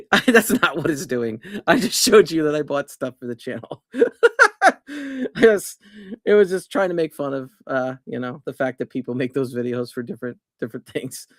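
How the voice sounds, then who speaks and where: A man's voice: mid-range voice, a bit bright, no room sound, clean studio sound. A middle-aged man hosting a casual game chat stream, rambling and correcting himself with frequent chuckles.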